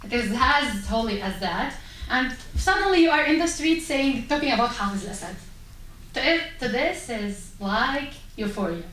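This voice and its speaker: A woman's voice: fairly high pitch, expressive, moderate pace, fairly bright tone. A woman from Syria, speaking passionately and emphatically at a panel, pressing rhetorical questions. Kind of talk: impassioned panel talk. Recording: echoey hall, distant mic, faint noise.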